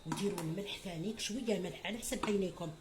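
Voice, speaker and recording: Speaking rapid-fire in a medium-pitched voice over very noisy audio, a middle-aged woman with an Algerian Arabic accent gives a home cooking tutorial. She chats like a mother, calling viewers her children and offering blessings.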